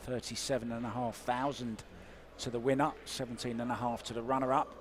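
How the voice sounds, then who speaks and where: A man's voice: mid-range voice, little pitch movement, fairly quick. A man doing live play-by-play commentary on a pool match, chatty and informative in an upbeat way.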